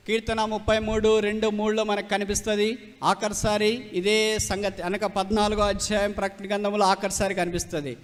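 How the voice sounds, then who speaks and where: A male preacher from Rayalaseema giving an emphatic sermon, repeating key phrases and mixing in English terms. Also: high-pitched. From Rayalaseema, India. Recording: long hall reverb.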